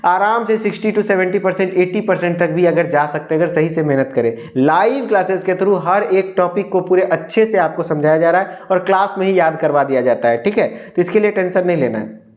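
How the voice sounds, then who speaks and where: A young pharmacy tutor with a Hindi accent gives an exam-prep lecture, posing questions and answering them himself and repeating key terms. His voice is high and a little fast.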